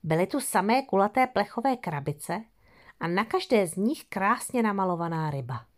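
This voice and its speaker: Woman narrator, audio fairy tale, expressive, very lively melody, middle pitch. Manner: expressive storybook reading.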